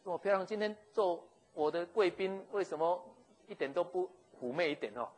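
Husky, animated storytelling preacher. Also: male voice, high voice, moderate pace, low-quality recording. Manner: animated, jokey, with frequent chuckles and restarts. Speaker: pastor. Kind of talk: humorous sermon storytelling.

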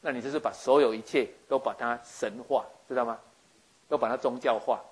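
A man giving a lively sermon, acting out scenes and often checking that his listeners follow. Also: medium pitch, fairly quick, slightly rough. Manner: animated, acts out scenes, keeps asking listeners if they follow. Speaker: preacher.

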